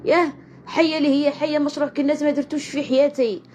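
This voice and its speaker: A woman's voice: high-pitched, steady tone, rapid-fire. A woman with a western Algerian Arabic accent, venting tearfully and in anguish in a personal vlog, repeating her phrases. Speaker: online video creator. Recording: dull lo-fi sound with loud-ish noise.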